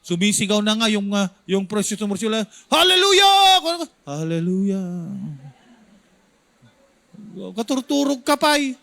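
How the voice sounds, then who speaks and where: A male pastor with a Filipino accent teaching a Sunday school sermon, animated and acting out the crowd's shouts, slipping English lines into his talk. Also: sits high, a little fast, vocal fry.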